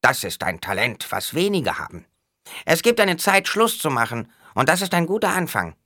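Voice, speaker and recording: Storybook dwarf, impish and mocking, squawky bright voice, done by a male reader. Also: fairly high pitch, big pitch swings, moderate pace, dry recording, studio quality, voice pushed up, full character voice. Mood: mocking riddles. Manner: playful, riddling, mocking.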